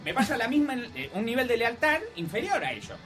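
A man playing a loud posh rich boy. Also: very high-pitched, fairly quick, soft background music, heavily acted. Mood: smug. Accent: Argentine Spanish. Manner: rambling, excitable, raises his voice. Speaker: comedy radio guest.

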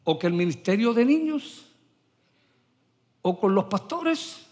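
High-voiced guy preaching, bouncy pitch all over, mixes english words in. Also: very animated, slow, darkish tone, big-room sound. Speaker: pastor. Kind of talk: sermon.

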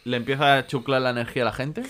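A young man co-hosting a relaxed podcast. He talks at a middling pitch and acts out cartoon scenes, breaking into shouted lines as he tells them. The talk is loose and joking. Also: racing. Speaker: podcast co-host. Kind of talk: casual chat.

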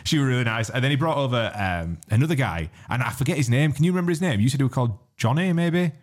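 A man's voice: medium pitch, expressive, fast talker. A man with a Yorkshire accent, co-hosting a podcast in blunt, joking banter with frequent swearing. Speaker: podcast co-host. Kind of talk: casual chat.

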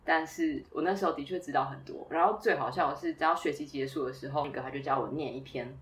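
A woman from Taiwan, a former doctoral student, chatting casually and telling stories in a lively way. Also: sits low, quick pace, far from the mic, a little hiss or hum. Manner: chatty, storytelling, laughs easily. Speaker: guest, former PhD student. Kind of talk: casual conversation.

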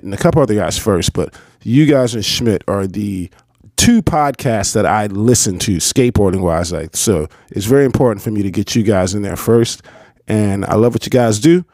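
Laid-back low-voiced man host in his forties. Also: normal speed, mellow, no room sound, studio quality. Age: 40s. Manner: laid-back, profane, repeats words. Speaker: podcast host. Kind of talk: casual podcast chat.

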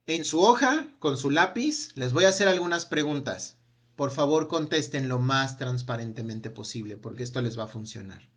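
A man runs a self-help workshop, posing a long string of gentle, reflective questions that fade out on a soft "no?". His voice is medium in pitch, animated, and at a normal pace.

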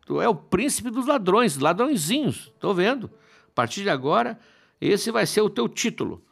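A man's voice: sits high, sing-song, normal speed, gravelly, voice pushed up, full character voice. A man voicing a blunt, threatening young god. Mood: stern. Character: angry young male god, demanding and threatening.

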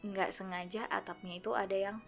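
A woman's voice: medium pitch, brisk, creaky, soft background music. Young woman telling a ghost story. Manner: animated, acts out quoted voices. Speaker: guest storyteller.

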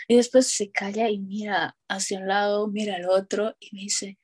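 A young woman with a Bolivian Spanish accent tells stories in a relaxed interview. Her delivery is animated and full of laughter, and she slips into the voices of the people she quotes. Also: mid-range voice, moderate pace. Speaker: guest. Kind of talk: casual conversational interview.

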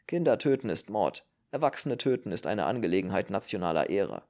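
A man's voice: fairly low pitch, big pitch swings, fairly quick. A man voicing a world-weary, cynical male politician with dry, sardonic remarks in an audiobook. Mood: wry. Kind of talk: audiobook character reading.

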